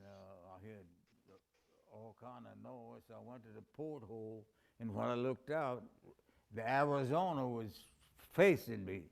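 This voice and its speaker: An older navy veteran recalling wartime events in plain, informal speech. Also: male voice, lowish voice, gravelly. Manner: plain-spoken, informal grammar. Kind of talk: oral history recollection. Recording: faint background noise.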